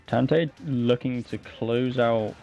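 A man doing lively, casual play-by-play commentary with quick reactions. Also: mid-range voice, vocal fry, highs cut off, soft background music. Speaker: esports commentator.

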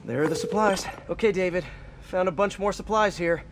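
A man's voice: high voice, brisk, music in the background, lightly acted. An actor playing a friendly, earnest young male superhero in a video game, casual and quippy. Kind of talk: video game dialogue and musing to himself.

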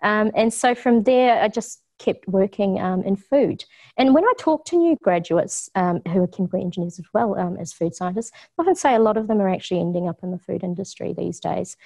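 In an office kitchen, a middle-aged woman from New Zealand talks casually about food science for a community audience. Her medium-pitched voice is animated and brisk, gravelly but mellow, and she's chatty, full of ums, and laughs readily.

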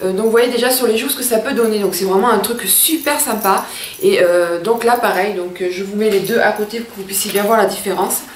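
In an echoey small room at home, a woman in her thirties records a casual makeup review to camera, full of enthusiasm and calling her viewers girls. She's a beauty vlogger with a brisk, mid-range voice, and there's slight background noise.

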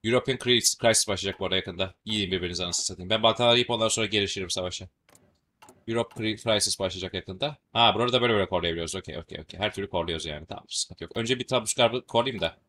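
A man's voice: on the low side, very fast, bright, forceful tone, a little hiss or hum. A man with a Turkish accent giving casual, joking commentary while playing a strategy game, swearing casually as he goes. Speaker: gaming channel host.

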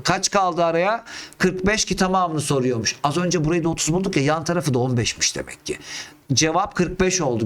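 High-voiced man teaching geometry aloud. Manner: thinks aloud, asks himself questions. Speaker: math teacher. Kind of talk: talking through geometry problems.

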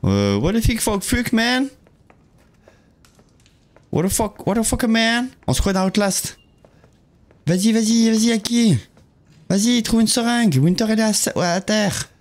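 A man live-streaming a horror game, chatting with viewers in a jokey, lively way and greeting them one by one. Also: sits high, unhurried, long pauses.

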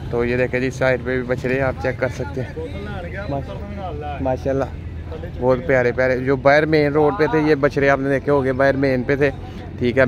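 A man's voice: mid-range voice, muffled recording. A man walks through an outdoor cattle market and narrates for his video, repeating his praise of the animals over and over. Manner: flat, repetitive, keeps praising the animals. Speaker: vlogger touring a cattle market. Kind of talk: walking tour commentary. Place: outdoor livestock market under tents. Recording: outdoor noise behind voice.

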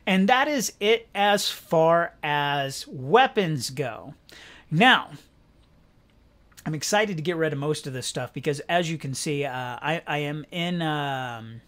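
A young man hosting a gaming channel, giving casual, rambling commentary with lots of fillers. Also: on the high side. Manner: relaxed, rambling, many fillers.

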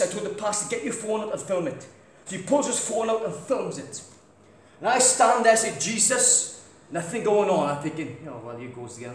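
This guest preacher is a middle-aged British man with a high voice, telling stories in a loud crusade-style sermon while he walks around a large church hall. There's no mic, just a far-off camera, leaving the sound echoey with faint background noise.

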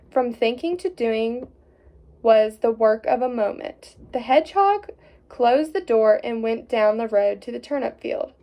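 A woman reading a fairy tale aloud in an expressive storytelling way, with small slips. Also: on the high side.

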